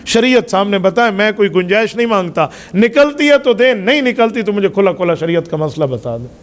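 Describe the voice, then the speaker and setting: Male Pakistani cleric, high voice, rhetorical sermon delivery, reverberant mosque hall. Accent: Pakistani Urdu. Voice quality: emphatic, rhetorical questions to the congregation. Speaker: mufti preaching Friday sermon.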